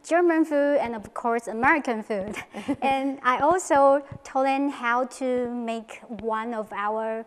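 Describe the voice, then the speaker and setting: A woman from Taiwan with a Taiwanese accent, a Chinese instructor speaking careful, halting English in an interview. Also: on the high side, in a large hall.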